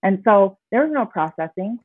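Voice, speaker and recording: A woman in her forties from Utah, a podcast guest telling her story in a casual, animated way. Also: mid-range voice, dry recording. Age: 40s. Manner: animated storytelling, frequent quick agreement. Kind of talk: casual interview conversation. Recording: tinny phone-like remote line, dry.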